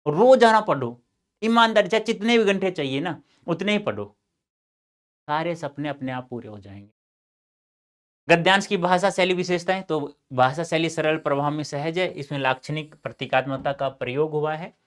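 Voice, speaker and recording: A man teaching a Hindi exam lecture to students, explaining and mixing in lively, fatherly advice. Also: fairly high pitch, normal speed. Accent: North Indian Hindi. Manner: addresses students as beta, lively asides and advice.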